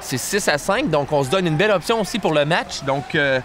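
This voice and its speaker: A man's voice: a little high, expressive, fairly quick, fairly bright tone. A man with a Quebec French accent giving live sports analysis as a colour commentator during a game. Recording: clear venue noise behind.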